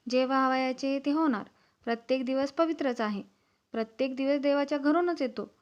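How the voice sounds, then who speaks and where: A stubborn, fearless storybook householder who waves off every warning, read by a woman narrator. The voice sits a little high and the recording sounds slightly dull and lo-fi. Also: moderate pace, smooth, lightly acted. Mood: dismissive. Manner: dismissive, brushes off warnings. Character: stubborn fearless man, traditional head of household.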